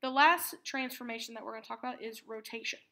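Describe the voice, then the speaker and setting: Woman teacher walking thru math vocab, a bit high-pitched, patient and slow on key words. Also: fairly even intonation, creaky, bright, forceful tone. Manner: patient, repeats terms slowly for emphasis. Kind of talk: classroom lesson explanation.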